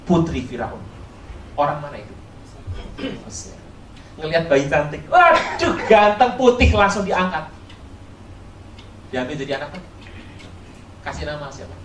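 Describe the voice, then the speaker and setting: A pastor preaching a sermon, quizzing the congregation and swinging between loud high bursts and quiet low asides. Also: unhurried, pauses often, slight background noise. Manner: animated, keeps quizzing the congregation. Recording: echoey hall from far off, faint ambience.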